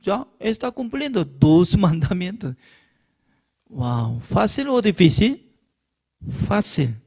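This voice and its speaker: Bible class teacher, male, high and very animated pitch, unhurried delivery, reads a verse then explains it piece by piece. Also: breathy edge. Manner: asks the listeners questions and answers them himself; reads scripture aloud, then explains it phrase by phrase.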